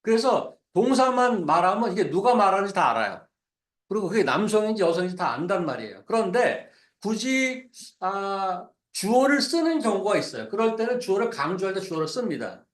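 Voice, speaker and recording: Lively, high-voiced man preaching in an echoey church. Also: a little fast. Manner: conversational, questions the congregation; mixes English words into his talk. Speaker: pastor. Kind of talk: sermon.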